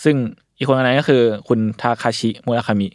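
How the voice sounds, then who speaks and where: Fast-talking young man, casual storyteller. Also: mid-range voice, no room sound, studio quality. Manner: animated storyteller, acts out quotes with crude slang. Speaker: podcast host explaining an artist's story. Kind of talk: casual chat.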